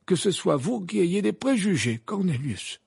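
A man voicing a serene, wry very old male headmaster who speaks calmly and evenly. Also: sits high, creaky, breathy edge, pitched above the performer's own voice, exaggerated voice. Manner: calm, even, unhurried.

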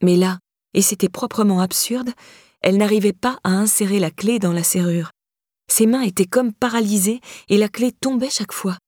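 Breathy woman narrating an audiobook. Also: mid-range voice, normal speed, dark tone, dry recording, clean studio sound. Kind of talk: scripted narration.

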